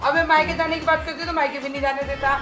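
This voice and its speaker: A woman playing a combative wife who loudly accuses her husband. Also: high-pitched, level tone, very fast, natural voice. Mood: accusing. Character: fiery wife demanding to leave her husband. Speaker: actor in comedy skit. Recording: roomy sound with background music.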